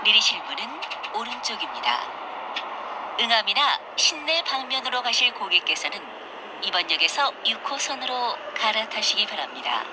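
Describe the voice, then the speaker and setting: A woman's prerecorded train station announcement plays over the speaker inside a moving subway car. Her voice sits a little high and moves with a lively, sing-song lilt. She delivers each phrase slowly and politely, nearly buried in the loud rumble of the train. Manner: slow, even, polite announcing cadence. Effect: prerecorded train station announcement over the onboard speaker. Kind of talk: formal announcement.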